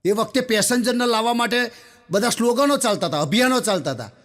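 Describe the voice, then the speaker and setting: A man's voice: very high voice, lively intonation, fast talker, fairly bright tone. A man telling a string of comic jokes in a chatty storytelling way, often turning to address his listeners directly. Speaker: stand-up comedian. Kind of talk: Gujarati folk joke telling.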